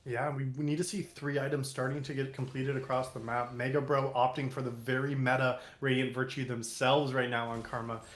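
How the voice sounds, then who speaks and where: A man's voice: medium pitch, little pitch movement, fairly quick, few pauses, roomy sound, soft background music. A man giving analytical esports color commentary, critiquing team decisions. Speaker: esports caster.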